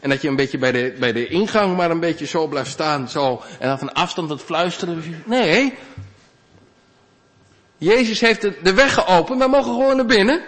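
A male pastor giving a sermon in a conversational, animated way, with big swings in pitch. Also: normal speed.

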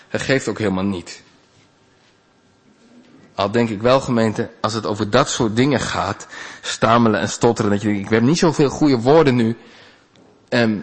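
A male pastor giving a sermon in a conversational, animated way, with big swings in pitch.

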